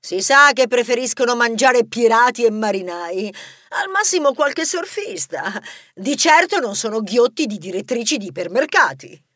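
A fearless young lady mouse who chases ghosts, high and lively, brisk and bossy with a dry wisecrack always ready, as a male storyteller puts her on. She sounds clear and close in a dry read. Audiobook storytelling. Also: no echo, exaggerated voice. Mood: breezy. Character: bold, unflappable young female mouse ghost-hunter.

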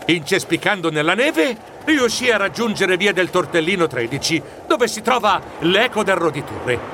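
A man narrating a children's story in an expressive, dramatic first-person style. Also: high voice, normal speed, noisy background. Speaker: audiobook narrator.

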